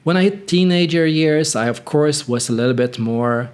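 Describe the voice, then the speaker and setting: A man's voice: on the high side, moderate pace, clear, resonant tone. A man from northern Sweden, telling a personal story in a candid, reflective, conversational way. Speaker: channel host.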